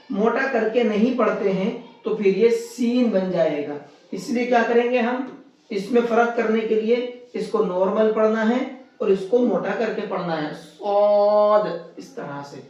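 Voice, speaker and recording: A man's voice: sits high, a little mellow. A man teaching Quran letter pronunciation step by step, patiently repeating his points and drawing out each letter to demonstrate it. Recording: very echoey room, distant dull mic.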